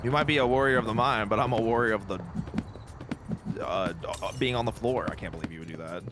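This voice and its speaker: A man's voice: on the low side, fast talker, music in the background. A man co-playing on a game stream, chatting casually and teasing his partner playfully. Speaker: streamer guest. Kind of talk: casual gaming stream chat.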